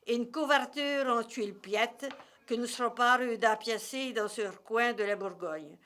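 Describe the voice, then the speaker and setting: Woman storyteller, rural Burgundian Morvan accent, higher-pitched voice, very slow measured delivery of a dialect tale. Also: a bit bright. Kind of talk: storytelling in regional dialect, read aloud.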